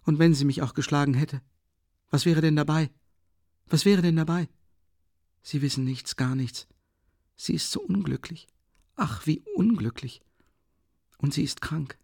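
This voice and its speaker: A man voicing a timid, anguished young woman who pleads in a breathy, rising voice, in a dry audiobook reading. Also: a little high, expressive, normal speed, long pauses, a little mellow, no room sound, pitched above the performer's own voice, exaggerated voice. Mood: pleading, distraught.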